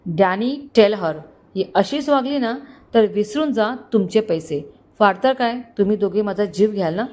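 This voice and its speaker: A woman voicing a cocky, scheming young male con man who speaks calmly and mockingly. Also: medium pitch, unhurried, natural voice. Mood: smug. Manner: calm, mocking, smug.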